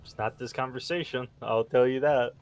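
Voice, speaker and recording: A man's voice: medium pitch, steady tone, normal speed. A man co-hosting a podcast in casual chat, rambling as he reads his notes aloud. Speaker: podcast co-host.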